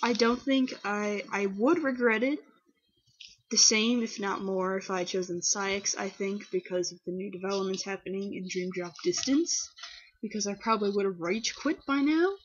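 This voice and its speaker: A young woman with a slightly husky voice chats candidly with viewers and wanders into animated stories. Her pitch sits in an ordinary middle range. The webcam audio is dull and lo-fi. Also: normal speed. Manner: candid, rambling, animated storytelling. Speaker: vlogger answering viewer questions. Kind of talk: casual chat.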